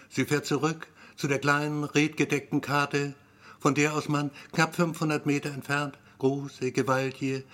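Erzähler, männlich, ironisch und wiederholend, mittlere Stimmlage, Hörbuchlesung. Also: male voice, mid-range voice, a bit bright. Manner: repetitive, wry storytelling. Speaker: narrator. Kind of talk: scripted story reading.

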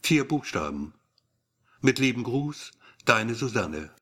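A man's voice: medium pitch, very animated, slow pace, a bit bright, heavily acted. A man reading the letter of a sweetly sinister woman in an audiobook, with a sugary, insinuating manner.

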